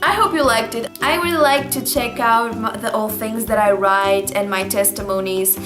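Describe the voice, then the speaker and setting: A woman's voice: on the high side, steady tone, normal speed. A woman in her late teens speaking English as a second language, talking candidly and expressively in a casual personal vlog as she reads from her diary. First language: not English. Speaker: vlogger. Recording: roomy echo, music behind. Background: music.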